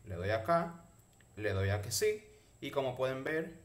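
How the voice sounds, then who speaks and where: A man's voice: mid-range voice, big pitch swings, measured pace. Man giving a casual step-by-step tutorial. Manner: instructional, addresses viewers directly. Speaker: tutorial host.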